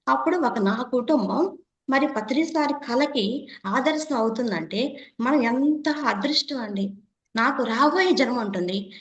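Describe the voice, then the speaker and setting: Earnest woman in her forties, echoey lo-fi. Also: a little high. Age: 40s. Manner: earnest and emphatic, with repeated phrases. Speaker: meditation class participant. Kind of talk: personal testimony to a group. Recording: roomy, dull lo-fi sound.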